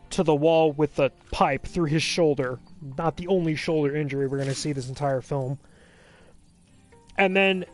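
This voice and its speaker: High-voiced man rambling through a film recap. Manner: rambling, filler-heavy, animated storytelling. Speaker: let's play host. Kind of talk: casual chat recapping a film.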